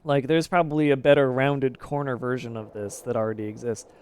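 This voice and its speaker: A man's voice: medium pitch, little pitch movement, brisk, darkish tone, slight background noise. A man in his thirties streaming a game live, talking in an opinionated, ranty way with casual swearing.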